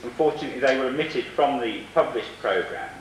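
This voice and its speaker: A man's voice: mid-range voice, fairly quick. Formal man chairing from a very echoey hall. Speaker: panel chair. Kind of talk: formal speech and introductions. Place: large echoey room at a conference. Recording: very echoey hall, distant mic, faint noise.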